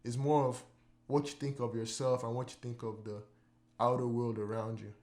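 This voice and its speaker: A man's voice: mid-range voice, little pitch movement, normal speed, darkish tone. A man hosting a podcast in casual chat, rambling and restarting, with lots of "like" and repeated words. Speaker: podcast host. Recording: roomy echo.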